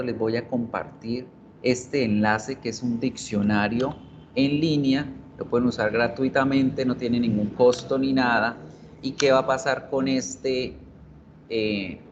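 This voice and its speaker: Slow, patient man teaching a lesson. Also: mid-range voice, muffled recording, slight background noise. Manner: explains slowly, repeating example words several times. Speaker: English teacher. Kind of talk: online video class.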